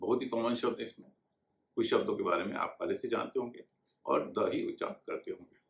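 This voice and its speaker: A man teaching English pronunciation in a video class, slowly spelling out words letter by letter and repeating example words. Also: lowish voice, echoey room.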